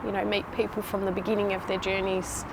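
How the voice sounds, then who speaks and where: Creaky-voiced Tasmanian Australian woman. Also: mid-range voice, flat delivery, fast talker. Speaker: nurse unit manager. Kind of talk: interview answers, casual and conversational. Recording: noticeable background noise.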